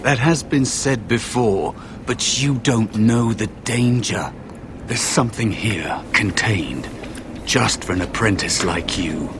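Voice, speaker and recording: A male actor with a lowish voice speaks slowly as the wary, grieving ghost of a lost young apprentice in a fantasy video game, sounding hesitant and warning. Noise can be heard in the background.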